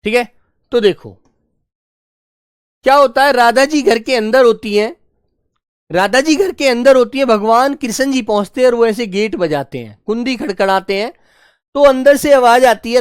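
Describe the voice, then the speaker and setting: A woman teacher giving a Hindi grammar lesson, dictating slowly and repeating phrases for her students to note down. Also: clean tone, dry recording, studio quality. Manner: acts out quoted dialogue with raised pitch.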